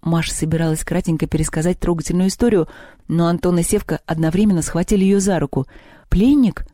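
A narrator reading a children's story aloud in a steady, expressive storytelling manner. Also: medium pitch, fast talker, dry recording, clean studio sound. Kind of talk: audiobook reading.

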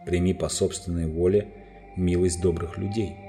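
A man voicing a huge, calm, majestic lion in a storybook reading, speaking slowly and solemnly. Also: music in the background. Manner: slow, low, solemn.

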